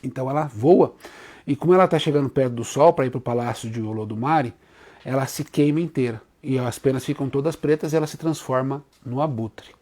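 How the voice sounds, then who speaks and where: A man with a Brazilian Portuguese accent teaching about Umbanda deities on a live stream, devotional and tender, addressing viewers warmly as his children. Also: medium pitch, a little fast. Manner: devotional, sings chant verses in a rising voice; speaks softly and tenderly to viewers, calling them daughter. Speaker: Umbanda spiritual leader hosting a live stream. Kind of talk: religious teaching with sung chants.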